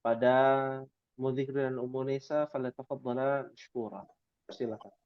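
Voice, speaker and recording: A man teaching an Arabic class over a video call, giving encouraging feedback with drawn-out affirmations. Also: mid-range voice, steady tone, dry recording, lo-fi sound.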